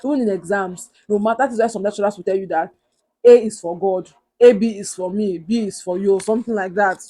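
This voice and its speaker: A young Nigerian woman vlogs straight to camera, giving motivational advice in a big, loud voice at a quick pace. She stresses her points with earnest emphasis and keeps repeating the key ones. Her pitch is in a mid, everyday range for a woman.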